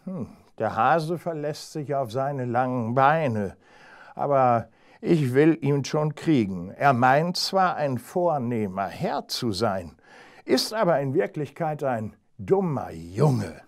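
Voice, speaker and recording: A man voicing a clever, stubborn male hedgehog in a fairy tale reading, talking plainly and calmly. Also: mid-range voice, slow. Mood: scheming.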